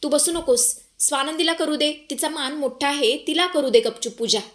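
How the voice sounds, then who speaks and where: A woman voicing a scheming middle-aged aunt, shrill and panicky. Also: moderate pace, lightly acted. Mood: urgent.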